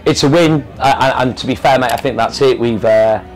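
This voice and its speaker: A football manager gives a candid post-match interview. He speaks at an ordinary mid pitch and keeps stopping to restart his sentences with fillers. It is recorded indoors in front of a club sponsor board. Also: brisk, poor audio.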